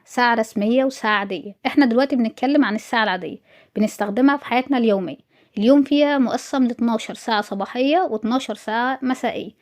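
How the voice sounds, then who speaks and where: A woman teacher with an Egyptian Arabic accent explaining a French lesson, often asking her own questions and then repeating key words slowly to answer them. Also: on the high side, darkish tone.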